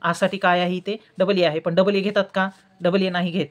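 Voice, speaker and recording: A woman with a Marathi accent teaching a spelling lesson, slowly repeating words syllable by syllable. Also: on the low side, flat delivery.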